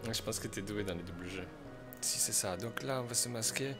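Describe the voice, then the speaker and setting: A man role-playing a mafia boss in a game, giving calm, commanding orders and laying out plans step by step with a put-on Italian accent. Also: lowish voice, fairly quick, over music. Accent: fake Italian accent. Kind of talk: in-character game role-play.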